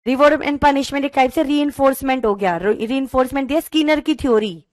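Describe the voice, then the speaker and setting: A woman teacher giving an online class, explaining slowly and reading questions out word by word. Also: high voice, no echo. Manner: calls students "beta", mixes English into talk.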